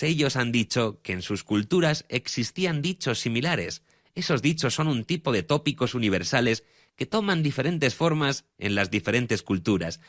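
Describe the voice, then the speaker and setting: A man speaking as a guest expert in a dubbed interview, calmly explaining and repeating each saying slowly. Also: mid-range voice, no room sound, studio quality.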